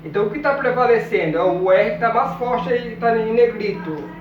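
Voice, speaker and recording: A man teaching a lesson, reading words out slowly and repeating each one. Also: high voice, lively intonation, a crowd in the background. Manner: slow, deliberate, repeats each word. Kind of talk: classroom lesson, reading a word list. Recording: distant, muffled, echoey room.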